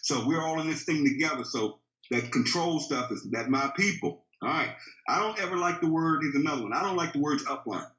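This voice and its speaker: A man in his fifties delivers a motivational training talk in an emphatic, preachy way, hammering points home with rhetorical questions. His voice sits a bit high for a man. The recording is roomy and slightly dull. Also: lively intonation, a little fast, a bit bright. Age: 50s. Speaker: network marketing trainer.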